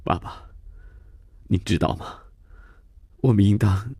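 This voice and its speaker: A man voicing a young boy who shouts in fury and sobs in distress, with shrill outbursts. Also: huge pitch swings, very slow, creaky, slightly rough, dry recording, studio quality, heavily acted. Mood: tearful. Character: young boy, angry then tearful.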